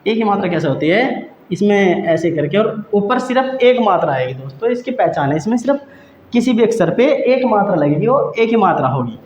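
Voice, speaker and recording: A man teaching a grammar lesson for exam students. He talks patiently, says each word slowly and repeats it, and often calls his listeners friends. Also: high-pitched, lively intonation, a little mellow. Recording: dull, echoey room with faint hiss.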